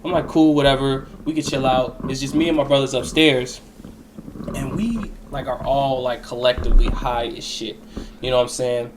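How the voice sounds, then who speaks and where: A man's voice: mid-range voice, fairly even intonation, moderate pace, background noise. A young man telling a personal story in a casual, rambling way, with plenty of slang and swearing. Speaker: storyteller recounting a personal experience.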